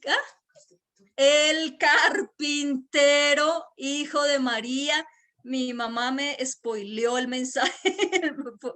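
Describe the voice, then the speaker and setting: A woman's voice: high voice, a bit bright. A woman with a Boyacá Colombian accent preaching a virtual church sermon, emphatic, repeating key words and putting questions to her listeners.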